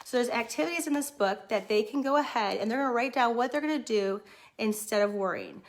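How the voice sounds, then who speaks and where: A middle-aged woman who runs a daycare, chatting casually and excitedly on a livestream. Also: fairly high pitch, fairly quick. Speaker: daycare owner.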